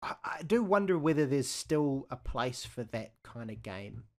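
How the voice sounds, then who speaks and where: A man chats loosely about games on a podcast. His voice sits at an ordinary mid pitch, and he fills his talk with ums and quick restarts. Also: sing-song. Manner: chatty, frequent ums and restarts. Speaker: podcast co-host. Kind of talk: casual gaming chat.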